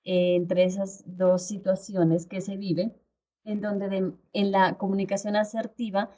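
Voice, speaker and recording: Instructor, female, warm low-toned delivery, explanatory video-call lecture with frequent check-ins. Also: level tone, a little slow, muffled recording.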